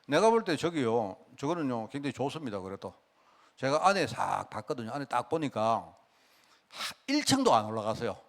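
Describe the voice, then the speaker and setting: A man's voice: mid-range voice, very animated, brisk. A middle-aged male pastor, preaching a folksy sermon full of rhetorical questions. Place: church sanctuary.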